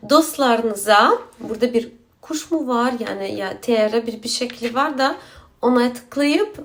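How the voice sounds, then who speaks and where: Woman, slightly high voice, Azerbaijani accent, halting broken Turkish, informal explainer host. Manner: halting broken Turkish of a non-native speaker, mixed with Azerbaijani. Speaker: video host explaining asylum procedure. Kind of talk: informal explainer, question and answer.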